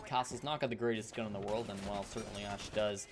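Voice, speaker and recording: Guy casting esports play by play, talks really fast, noisy recording w/ clicks. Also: on the low side, steady tone. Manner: esports caster delivery, running account of the action.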